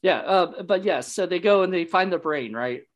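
A man recapping a film in relaxed conversation, talking in loose, meandering sentences full of fillers. He keeps breaking into laughter as he retells his favorite lines. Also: sits high, normal speed. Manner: rambling, many fillers, laughs at the jokes he retells. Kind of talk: casual chat recapping a movie.

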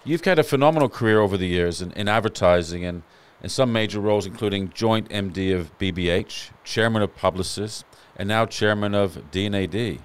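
A man hosting a podcast interview in a relaxed, chatty manner. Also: fairly low pitch, brisk, hardly any pauses, clear, resonant tone. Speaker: podcast host. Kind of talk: conversational interview.

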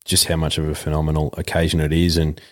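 A man's voice: a bass voice, completely flat delivery, quick pace. An Australian man co-hosting a podcast in a casual, tongue-in-cheek, blokey way. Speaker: podcast co-host. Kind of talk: casual chat with sponsor plugs.

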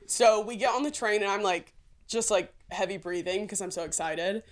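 A woman co-hosting a podcast in casual chat, telling an excitable, rambling story. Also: mid-range voice, moderate pace. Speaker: podcast co-host.

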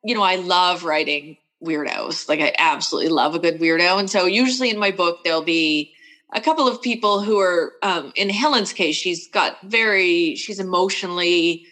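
A woman's voice: fairly low pitch, moderate pace, poor audio. A woman author reading from her novel expressively, then chatting about her characters. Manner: expressive reader, chatty with fillers. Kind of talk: book reading and interview chat.

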